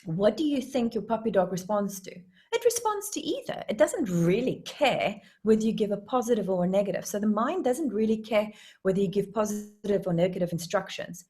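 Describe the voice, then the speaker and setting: A woman's voice: mid-range voice, a little fast. South African woman teaching hypnotherapy. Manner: animated, acts out voices of a puppy and a speaker to make her points. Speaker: hypnotherapist leading a webinar. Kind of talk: webinar teaching.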